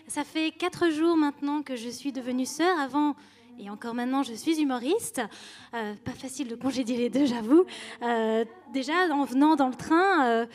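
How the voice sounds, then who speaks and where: A high-voiced woman on stage, doing a stand-up bit in the persona of a newly ordained nun. She talks in a hesitant, deadpan way, stumbling over her words. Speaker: stand-up comedian.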